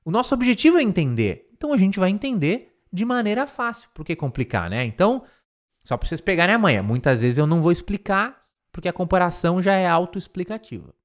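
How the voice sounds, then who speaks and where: A man teaching an English lesson, with a lively, animated delivery that swings up and down in pitch. He works through each phrase slowly, repeating words out loud and drilling the sounds. Now and then he asks a rhetorical question and answers it himself. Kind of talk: recorded online lesson.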